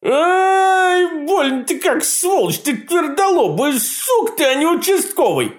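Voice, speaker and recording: A man's voice: very high voice, very animated, slow pace, pitched above the performer's own voice, heavily acted. A man voicing a boastful, grumpy old male sorcerer-villain in an audiobook, blustering and indignant, squealing when hurt. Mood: howling. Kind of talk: audiobook character voice.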